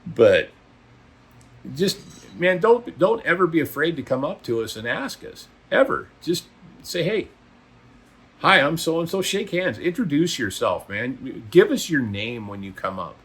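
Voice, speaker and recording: A middle-aged or older trucker who vlogs talks casually to his viewers, blunt, folksy, opinionated and emphatic. His voice is a little high, a bit bright and slightly rough, very animated yet a little slow.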